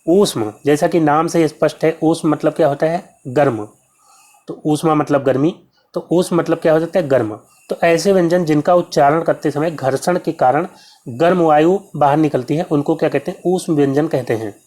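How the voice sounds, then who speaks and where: A man teaches an exam-prep grammar lesson. He asks a question and answers it himself. He slows down to say each sound clearly so students can copy it. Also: on the high side, a little mellow. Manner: explains step by step, asks and answers his own questions; repeats sounds slowly to show pronunciation.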